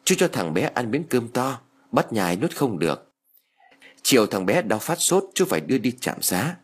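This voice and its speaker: Husky male audiobook narrator. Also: mid-range voice, normal speed. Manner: expressive storytelling.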